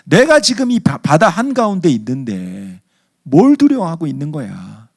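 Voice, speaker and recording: A male pastor voicing Jesus as an exasperated man shouting down a storm and scolding his frightened disciples, in a sermon retelling. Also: medium pitch, sing-song, measured pace, husky, no room sound, studio quality, full character voice. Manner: irritated, loud, rebuking.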